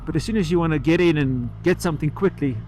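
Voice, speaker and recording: Male moto vlogger, slightly high voice, rambling and halting, recorded inside a helmet over light road and engine noise. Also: darkish tone. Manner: halting, trailing off and picking the thread back up. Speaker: motorcycle vlogger. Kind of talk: casual rambling vlog chat while riding. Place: inside a helmet on a moving motorcycle outdoors. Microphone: microphone inside the helmet.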